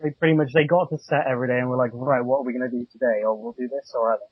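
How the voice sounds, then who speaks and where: A man co-hosting a casual film chat, talking in a halting way. His voice is muffled, as if heard through a wall, picked up by a cable headset mic. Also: mid-range voice, fairly even intonation, breathy edge, no echo. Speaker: podcast co-host.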